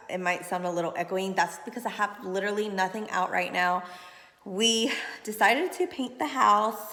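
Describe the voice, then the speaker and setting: A big, hall-like echo surrounds this woman's voice as she vlogs from inside a bare, emptied house. She talks casually and informally to her viewers at a middling pitch, rambling a little as she goes. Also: a bit bright. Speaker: vlogger, channel host. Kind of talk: casual home vlog chat to camera.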